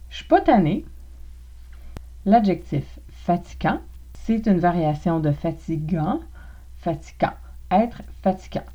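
A woman with a Québécois accent hosting a language podcast, reading a scripted lesson and slowly modelling phrases for learners to repeat. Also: fairly low pitch, muffled recording. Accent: Québécois French. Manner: clear, slow model pronunciations for learners to repeat. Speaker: podcast host teaching Quebec French.

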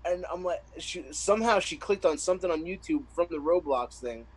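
A man's voice: on the high side, expressive, a little fast, husky, rough recording. Rambling, laughing man on a podcast. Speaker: co-host. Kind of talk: casual banter on a comedy podcast. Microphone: remote call.

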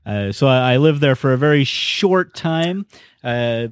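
A man hosting a podcast in relaxed, casual conversation, leading the talk. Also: mid-range voice, a little slow, clean tone, dry recording, clean studio sound. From United States. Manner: easygoing, leads the conversation. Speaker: podcast host.

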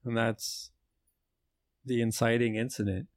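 A man co-hosting an improv comedy podcast, pitching ideas in loose, hedging chat. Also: little pitch movement, unhurried, dry recording. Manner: loose, hedging, laughing brainstorm talk. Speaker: podcast co-host.

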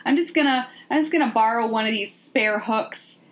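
A woman's voice: fairly high pitch, moderate pace, pitched above the performer's own voice, lightly acted. Woman doing a sarcastic mock-polite horror heroine.

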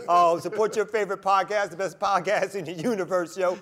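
A man's voice: high-pitched, a little fast. A man co-hosting a podcast, talking in a hype, slangy, casual way. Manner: hype, slangy, lively, lots of "yo". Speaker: podcast co-host. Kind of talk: casual chat.

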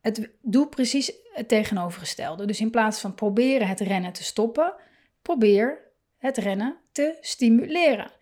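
Woman, podcast host, higher pitch, loose chatty delivery full of fillers. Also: expressive, normal speed, a little mellow. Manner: chatty, thinks aloud with many fillers and restarts; laughs often and acts out parent and child lines. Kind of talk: casual solo podcast talk.

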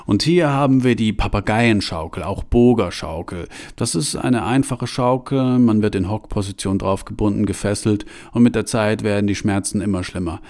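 A man with a low voice reading a male museum guide who cheerfully lectures on torture devices. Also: moderate pace, hardly any pauses, darkish tone, lightly acted. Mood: relishing. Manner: cheerful, lecturing, relishing detail. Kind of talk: audiobook reading.

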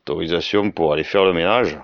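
A man's voice: deep voice, fast, dull audio, voice pushed down. A man voicing a chatty male gendarme at a checkpoint, speaking with a southern French accent in a folksy, singsong way.

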